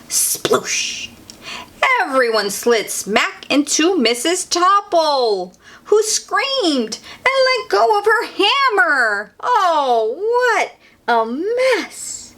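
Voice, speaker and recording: A storybook read-aloud host, this woman has a fairly high, fairly bright voice. She reads a children's picture book aloud, adding exclamations and chatty asides for young listeners.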